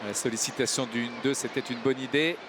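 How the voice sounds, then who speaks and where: A man co-commentating live on football as excited sports commentary. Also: medium pitch, quick pace, crowd noise. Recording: clear outdoor stadium noise behind. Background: outdoor ambience of a football match.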